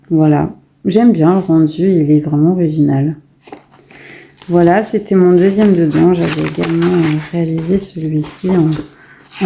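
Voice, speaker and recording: Woman chatting about her coloring books, lots of umms and restarts, kinda low mellow voice. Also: gravelly, a little hiss or hum. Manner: chatty, many hesitations and restarts. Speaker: coloring vlogger. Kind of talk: casual show-and-tell vlog.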